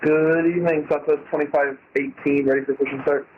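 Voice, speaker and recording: A man acting as a pilot, calling air traffic control over a radio link in clipped, measured radio phraseology. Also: a little high, flat delivery. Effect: heard over a tinny radio link. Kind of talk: radio calls in a flight simulation. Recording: tinny radio line with faint music.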